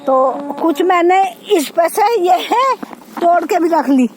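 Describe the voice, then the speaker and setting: Speaking slowly and animatedly in an extremely high pitch, a woman who vlogs from her village gives viewers a casual walking tour of her farm, pointing out what she passes. She filmed it on a phone outdoors; the audio is poor, with faint outdoor noise.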